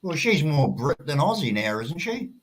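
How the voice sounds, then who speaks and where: A man chats as a show guest. His voice sits a little high for a man, and he talks in an easygoing, slangy, casual way. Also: very animated, normal speed. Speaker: guest adjudicator and scorer. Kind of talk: casual chat.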